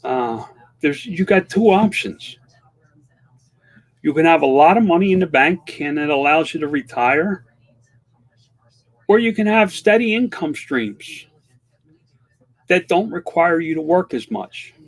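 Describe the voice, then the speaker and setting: A man in his fifties talks candidly and loosely, like someone hosting a casual livestream. His voice sits a touch higher than most men's, and he stumbles through restarts and fillers as he answers comments. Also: lively intonation, a little slow, pauses often. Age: 50s. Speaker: online seller and livestream host. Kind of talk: casual livestream chat reading viewer comments.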